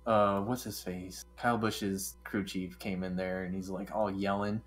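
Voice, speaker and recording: A man's voice: low-pitched, measured pace, faint music behind. A man from the US West Coast co-hosting a casual motorsport podcast, telling stories with lots of fillers. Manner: animated storyteller, with many fillers. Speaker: podcast co-host.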